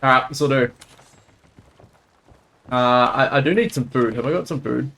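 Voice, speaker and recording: A man's voice: medium pitch, a little slow, gravelly, pushed and bright. Man chatting casually while gaming. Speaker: game streamer.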